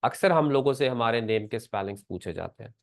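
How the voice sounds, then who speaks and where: A man's voice: medium pitch, expressive, fast, vocal fry, dry recording, clean studio sound. A man teaching a classroom pronunciation lesson, patiently explaining and repeating words aloud. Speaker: language teacher.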